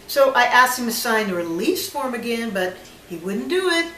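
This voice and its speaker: A woman's voice: a little high, big pitch swings, moderate pace, fairly bright tone, a little hiss or hum. A woman filmmaker telling a personal story in a casual, chatty, anecdotal way, sounding a little incredulous at times. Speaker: independent filmmaker. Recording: roomy echo, voice from a distance.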